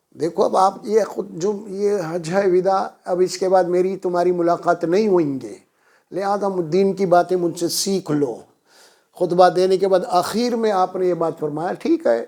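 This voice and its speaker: High-voiced preacher man chanting verses. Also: a little mellow. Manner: preaching with rising emphasis, chanting Arabic verses. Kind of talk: Quran lesson sermon.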